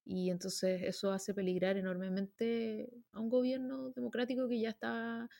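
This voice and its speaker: Chilean woman, political commentator, emphatic and animated, slightly high voice. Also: moderate pace, vocal fry. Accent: Chilean Spanish. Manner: animated, emphatic, many fillers and restarts. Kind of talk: panel discussion.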